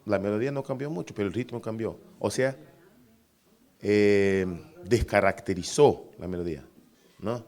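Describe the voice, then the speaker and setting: A man preaching a sermon on worship music, animated, imitating rhythms with spoken syllables and humming melodies, calling listeners brother. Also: on the low side, moderate pace. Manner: animated, mimics beats with syllables and hums tunes.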